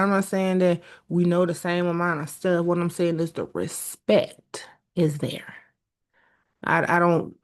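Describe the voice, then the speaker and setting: A woman's voice: lowish voice, a little mellow. A woman hosting a podcast, speaking in an earnest, preachy solo monologue straight to her listeners. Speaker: podcast host.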